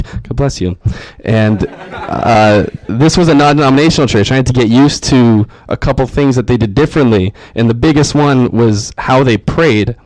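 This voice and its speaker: Young man doing animated stand-up. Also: mid-range voice, dry recording, rough recording. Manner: animated storytelling, acts out his own panicked voice. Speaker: stand-up comedian. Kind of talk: stand-up comedy set. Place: comedy club stage.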